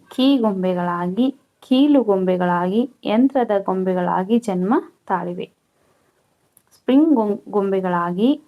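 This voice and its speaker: A woman teacher, slowly reading out questions and answers and repeating each one for students to copy. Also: medium pitch, narrow, tinny audio. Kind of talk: slow dictation-style Kannada lesson.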